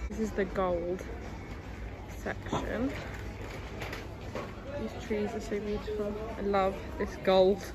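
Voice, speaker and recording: A woman's voice: medium pitch, little pitch movement, slow, long pauses, loud music behind the voice. Gushing young woman shop vlogging. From Essex, England. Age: young adult. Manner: chatty and gushing, lots of "love" and "so beautiful". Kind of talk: casual shopping vlog narration. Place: large indoor garden centre shop. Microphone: handheld phone camera.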